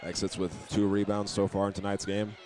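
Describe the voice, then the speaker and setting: Over the din of a gym, a man calls a basketball game live in a fairly low, darkish voice. His tone is level and fairly quick, his commentary plain and factual, with occasional stumbles and repeated words.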